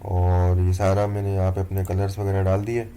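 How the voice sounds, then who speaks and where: Low, flat-voiced man tutoring. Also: normal speed, a little hiss or hum. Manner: relaxed, step-by-step, keeps checking in with "theek hai". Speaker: course instructor. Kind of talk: screen-recorded tutorial walkthrough.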